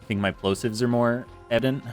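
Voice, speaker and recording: A man's voice: mid-range voice, steady tone, a little fast, soft background music. A man streaming a game from home, chatting casually into a close desk mic, rambling with lots of fillers. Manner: rambling, self-deprecating, chatty with many fillers. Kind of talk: casual gameplay stream chat. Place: home room with air conditioner. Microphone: close desk mic with foam screen.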